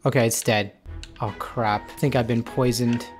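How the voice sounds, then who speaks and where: Excitable man narrating his gameplay. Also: mid-range voice, normal speed, soft background music. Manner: excitable, talks to game characters while playing. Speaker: gaming video creator. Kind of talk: casual gameplay commentary.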